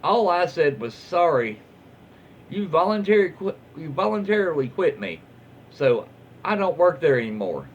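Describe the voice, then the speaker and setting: Very animated and fairly high-voiced, this Southern reader moves at a moderate pace through online stories, stumbling over words and tossing in off-the-cuff remarks. His folksy, informal style comes through muffled lo-fi audio with a faint noise in the background.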